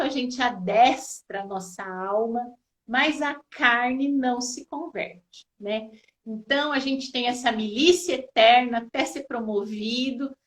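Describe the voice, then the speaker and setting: High-voiced mother telling stories. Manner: lively storyteller, laughs often, voice rising with emotion. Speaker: mother and guest. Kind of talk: casual testimony in an interview.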